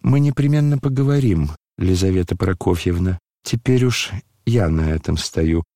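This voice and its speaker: A man reading an audiobook voices a frail dying young man, hoarse, quiet and tired, almost whispering. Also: low voice, expressive, moderate pace, no echo, clean studio sound. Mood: quiet, weary.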